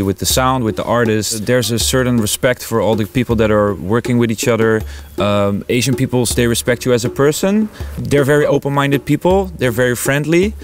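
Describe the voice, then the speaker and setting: A man's voice: lowish voice, fairly quick, hardly any pauses. A man speaking earnestly in a documentary interview, searching for his words.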